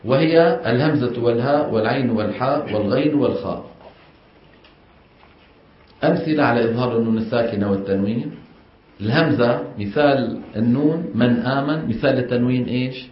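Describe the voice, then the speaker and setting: A man's voice: mid-range voice, brisk, pauses often. A man with a Levantine Arabic accent teaching a class on Quran recitation. He keeps asking the class questions and has them repeat after him. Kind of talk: classroom lecture. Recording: echoey, dull lo-fi classroom recording.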